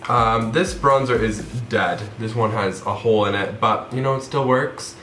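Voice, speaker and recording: Stuffed up from a cold, a young man chats casually through a makeup tutorial as a vlogger, rambling with plenty of fillers. His voice is lowish and a bit bright at a normal pace, with soft background music and a roomy echo.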